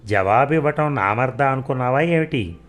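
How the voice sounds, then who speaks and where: A man's voice: medium pitch, lively intonation, normal speed, a bit bright, natural voice. A man voicing a stern, short-tempered old family man who keeps demanding answers in a storybook reading. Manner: nagging, demanding questions.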